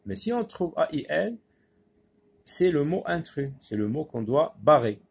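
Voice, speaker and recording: Slow gravelly-voiced male teacher. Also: on the high side, very animated. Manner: slow, patient, repeats and spells out words. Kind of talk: French spelling lesson.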